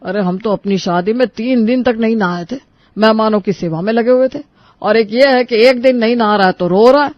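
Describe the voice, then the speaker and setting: A performer voicing a stern, grumpy middle-aged father in a cartoon story, scolding gruffly. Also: mid-range voice, fairly quick, no echo, muffled recording, close to an everyday voice.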